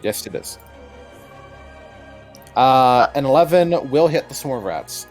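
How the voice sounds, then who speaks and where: Man game master, rambling, mid pitch, faint music behind. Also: lively intonation, a little slow, darkish tone. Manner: rambling, self-correcting, chuckles often. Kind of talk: narrating a tabletop game.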